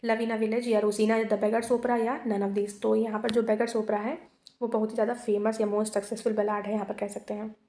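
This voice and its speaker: A woman teacher going through exam multiple-choice questions, reading each one slowly in English and then explaining it quickly in Hindi. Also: medium pitch, little pitch movement, dark tone, reverberant. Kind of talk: exam quiz lesson.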